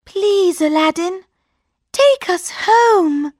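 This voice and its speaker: A woman voicing a kind, eager young princess in a high, bright way. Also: very animated, slow pace, no echo, studio quality, heavily acted. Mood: pleading.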